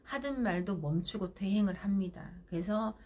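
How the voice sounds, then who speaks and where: A woman's voice: medium pitch, moderate pace, darkish tone. A middle-aged woman hosting live parenting advice, speaking firmly and directly and acting out parent-child exchanges. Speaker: parenting counselor.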